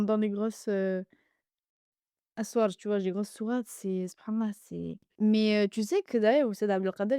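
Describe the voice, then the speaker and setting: A young adult woman whose first language is an Arabic dialect chats casually as a podcast guest, animated but hesitant, full of fillers and restarts. Her medium-pitched voice sounds clean, with no echo and clean studio sound.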